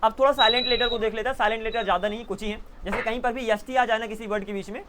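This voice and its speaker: A man's voice: high voice, fairly even intonation, background noise. Playful male teacher drilling pronunciation. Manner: teasing and playful with students; drills words slowly by repeating them. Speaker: English teacher. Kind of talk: classroom lesson. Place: classroom with live students.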